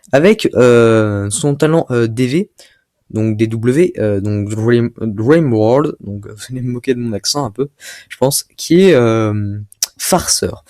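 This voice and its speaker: Young guy doing a game strategy tutorial, lots of uhs and restarts, soft warm voice, dry close mic. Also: medium pitch, dry recording. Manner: hesitant, full of filler sounds and restarts. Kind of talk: casual gameplay tutorial commentary.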